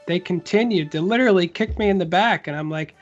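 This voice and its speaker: High-voiced man rambling on a podcast. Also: fast, lo-fi sound, faint music behind. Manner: rambling, animated storytelling with many restarts. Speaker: podcast co-host. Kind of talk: casual chat.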